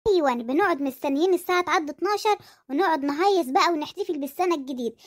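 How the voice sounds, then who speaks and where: A performer voicing an eager, cheeky Egyptian boy in a cartoon, chirpy and quick, with an Egyptian accent. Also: high voice, natural voice. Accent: Egyptian Arabic. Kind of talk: cartoon voice acting.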